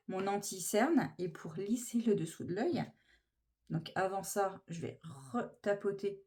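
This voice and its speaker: A woman's voice: medium pitch, a little mellow. Beauty vlogger lady, chatty and gushy, talking through her makeup. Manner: chatty and enthusiastic, gushing over products. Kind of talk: casual makeup tutorial chat.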